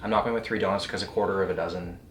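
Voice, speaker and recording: A man's voice: low-pitched, fairly even intonation, racing, fairly bright tone, a little hiss or hum. A young man chatting casually and jokingly in a fitness vlog, explaining diet tips. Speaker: fitness vlogger.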